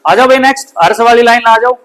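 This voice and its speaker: A man's voice: very high voice, fast, a bit bright, low-quality recording. A male science teacher giving a classroom physics lesson, asking the class questions and answering them himself, then calling students up one by one. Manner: often ends lines with "bhai"; calls students up one by one to look. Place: school classroom.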